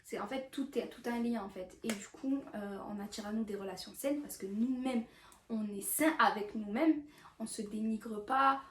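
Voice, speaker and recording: A woman's voice: fairly high pitch, moderate pace, fairly bright tone. A young woman vlogging casually about self-improvement, hesitant with many fillers and restarts. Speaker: YouTuber. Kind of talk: casual self-help vlog talk. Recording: echoey room, mic at a distance, faint background hiss.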